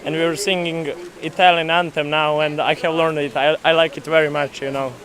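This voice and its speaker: A man's voice: a little high, level tone, a little fast, rough recording. A young man from Serbia, a youth exchange participant, talking casually and saying "you know" a lot. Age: young adult. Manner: chatty, says "you know" often. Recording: crowd chatter behind, outdoors.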